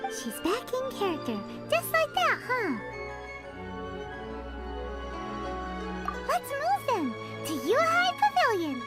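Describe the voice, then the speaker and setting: Squeaky game fairy girl, very high childlike voice, perky, nosy, loud music behind. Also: wildly swooping pitch, unhurried, full character voice. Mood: upbeat. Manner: exclamatory, chirpy, blunt. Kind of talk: video game voice acting.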